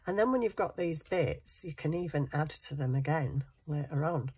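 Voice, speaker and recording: This craft channel host is a middle-aged woman with a cold, her nose congested and her low voice husky; she sniffs as she talks. Animated and a little mellow at a moderate pace, she chats casually and pokes fun at herself while hand sewing at a cluttered craft table indoors.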